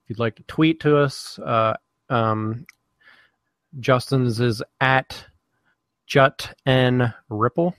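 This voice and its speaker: Slow, halting man hosting a podcast. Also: medium pitch, dry recording. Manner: halting, many fillers and restarts. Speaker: podcast host. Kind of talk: casual live podcast chat.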